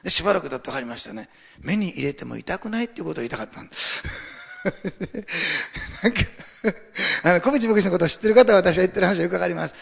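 An older man preaching a sermon as pastor, chatting with the congregation and swinging between near-whispers and loud, rising exhortation. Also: high-pitched, expressive, fast talker, vocal fry, pauses often, husky. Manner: talks to the congregation with questions and asides. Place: church sanctuary. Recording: long hall reverb.

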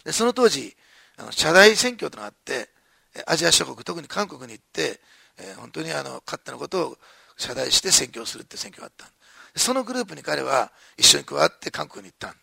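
A man's voice: fairly high pitch, big pitch swings, fairly quick, gravelly, sharp tone, slightly rough, no echo, studio quality. A man preaching a sermon in a conversational storytelling way, with chuckling asides. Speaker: pastor.

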